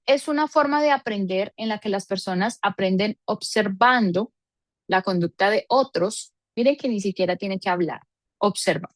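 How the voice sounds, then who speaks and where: A woman's voice: mid-range voice, dry recording. A woman teaching a parenting seminar, explaining with everyday examples and affectionate diminutives.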